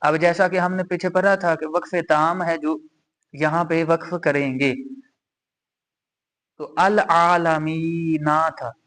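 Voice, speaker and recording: A man with a Pakistani Urdu accent teaching a Quran reading lesson, patiently repeating each rule and reciting examples slowly. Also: fairly high pitch, fairly even intonation, fairly bright tone. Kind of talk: slow explanatory lesson.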